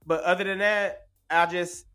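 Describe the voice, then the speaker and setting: Guy podcast host, kinda high voice, casual slangy opinions, bit of music behind. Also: steady tone, moderate pace, bright, forceful tone, clear, resonant tone. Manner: slangy, drag-scene phrasing.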